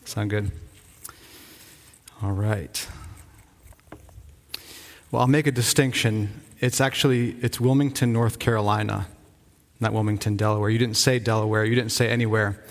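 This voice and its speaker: Speaking from the pulpit of a church sanctuary, this Rhode Island pastor, visiting to talk about church planting, delivers an informal update with earnest enthusiasm but frequent restarts. He has a fairly low, steady voice, carried by the hall's long reverb.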